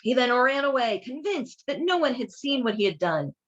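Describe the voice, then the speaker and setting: A woman with a slightly high voice and wide pitch swings reads from a children's Bible and comments on it at a moderate pace. She hosts this casual read-along in an informal, wry, irreverent manner, and the audio sounds dull.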